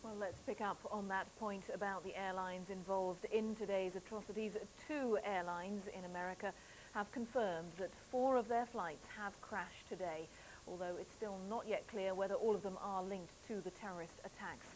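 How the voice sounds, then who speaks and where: Female British newsreader, crisp scripted bulletin, worn tape copy with a faint hiss. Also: medium pitch, poor audio. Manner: crisp, factual delivery of figures. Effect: worn VHS tape copy with hiss. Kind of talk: scripted news reading. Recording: hissy worn videotape copy.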